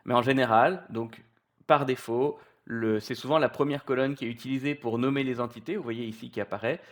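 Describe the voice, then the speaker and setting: Man, middle pitch, unscripted software tutorial, hesitant, lots of fillers and restarts, computer mic. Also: steady tone, a little fast. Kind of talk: unscripted screen-recorded tutorial.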